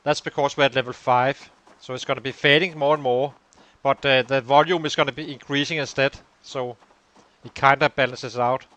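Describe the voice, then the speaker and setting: A man's voice: medium pitch, steady tone, moderate pace, fairly bright tone, dull audio. A man hosting a let's play, thinking aloud as he works through the numbers behind his progress. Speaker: gaming channel host.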